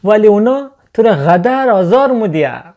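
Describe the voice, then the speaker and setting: A man's voice: high voice, big pitch swings, warm tone, dull audio. A man with a Hazaragi accent playing a playful Hazara man who teases and laughs in a comedy sketch. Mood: teasing. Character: teasing Hazara young man, joking. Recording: noisy home recording.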